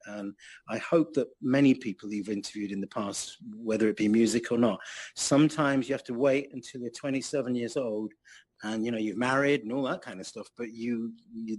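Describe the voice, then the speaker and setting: A husky, mid-range male voice belongs to an English musician in his sixties, appearing as a guest in an interview. He tells animated, self-mocking stories in an anecdotal, chatty way.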